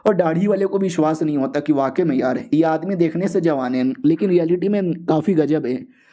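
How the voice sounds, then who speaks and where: High-pitched guy doing a chill slangy story recap, playful and animated. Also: fairly quick. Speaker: manhua recap narrator.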